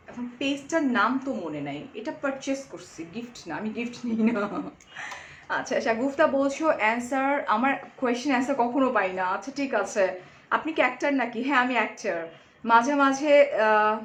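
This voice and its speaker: A woman, chatting casually on a live stream and selling clothes, slipping English into her talk, her voice going a little hoarse. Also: high voice, fairly bright tone. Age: 20s. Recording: echoey room, faint background noise.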